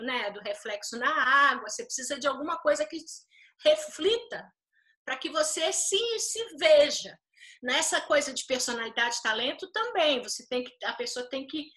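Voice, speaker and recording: A woman leading a faith-based group discussion, talking in an animated way with lots of rhetorical questions. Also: high voice. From Belo Horizonte, Brazil.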